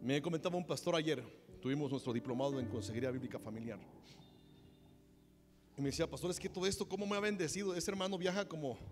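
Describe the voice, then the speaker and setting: High-voiced Mexican pastor preaching in a hall. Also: male voice, quick pace. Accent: Mexican Spanish. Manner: animated preaching, acting out quoted voices. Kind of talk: sermon. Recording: long hall reverb with faint music.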